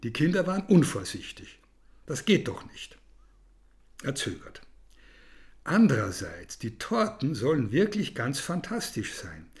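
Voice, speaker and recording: A man narrating a children's story in an expressive, storytelling manner. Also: mid-range voice, unhurried, pauses often.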